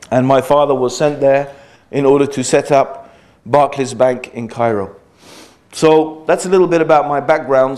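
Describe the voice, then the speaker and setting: A middle-aged man lecturing an audience about his own story. He talks in a loose, conversational way, with many fillers, asides and restarts, at a medium pitch. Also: darkish tone. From England. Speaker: Islamic lecturer. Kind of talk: informal religious lecture.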